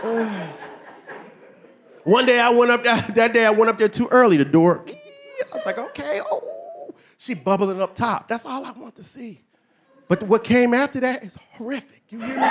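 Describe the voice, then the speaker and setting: High-voiced man doing animated stand-up. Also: dull audio. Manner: animated storytelling, shouting exasperated quoted lines. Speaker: stand-up comedian. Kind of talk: stand-up comedy set. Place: comedy club stage with audience.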